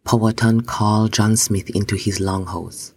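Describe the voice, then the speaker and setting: A man narrating a children's story in a slow, even storybook reading. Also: on the low side, slightly rough.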